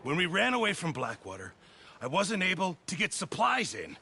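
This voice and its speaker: Blustering ex-sailor cook, defensive, animated pitch, western video game, noticeable noise behind. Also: male voice, normal speed, gravelly, heavily acted. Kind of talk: video game dramatic acting.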